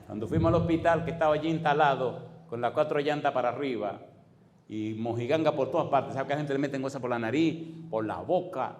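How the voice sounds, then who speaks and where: A pastor with a Dominican Spanish accent, preaching a sermon with fervent, rising exclamations and pointed rhetorical questions. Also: male voice, medium pitch, a little fast, echoey room, long reverb tail, highs cut off. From Dominican Republic.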